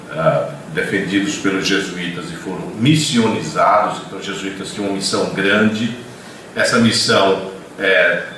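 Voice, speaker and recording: Recorded from far off in an echoey classroom with slight background noise, an elderly university professor delivers a rambling lecture. His fairly low, sharp-toned voice is marked by frequent hesitations and restarts.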